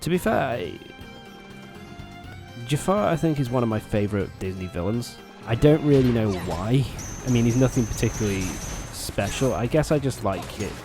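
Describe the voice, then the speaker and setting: A man's voice: medium pitch, expressive, moderate pace. A young man giving casual, rambling, sweary gameplay commentary while recovering from a cold. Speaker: let's play host. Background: loud game music.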